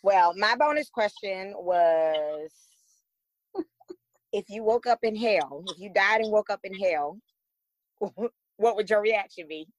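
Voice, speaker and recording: A woman's voice: medium pitch, lively intonation, slow pace, long pauses, dry recording, dull audio. Playful slangy woman co-host. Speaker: podcast co-host. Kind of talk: casual group chat.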